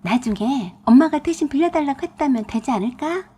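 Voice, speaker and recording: A woman's voice: high voice, lively intonation, fairly quick, warm tone, voice pushed up. A woman putting on a whiny, pushy young sister-in-law. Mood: wheedling. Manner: whiny, insistent pleading.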